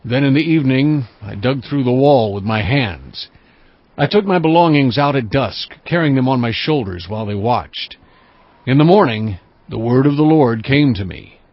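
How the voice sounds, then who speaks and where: Solemn prophet Ezekiel, slightly muffled. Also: male voice, mid-range voice, expressive, dry recording. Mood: earnest, measured. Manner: solemn, measured, earnest. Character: obedient male Hebrew prophet recounting his visions. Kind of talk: dramatized scripture narration. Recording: muffled sound with music behind. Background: cinematic music.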